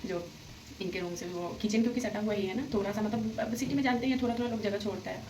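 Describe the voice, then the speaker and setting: A young woman talking through her household chores in a casual daily vlog, rambling, speaking softly and holding the phone herself. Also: medium pitch, fast talker, recorded from a distance. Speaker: vlogger. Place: home kitchen. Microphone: handheld phone. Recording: echoey room with household noise.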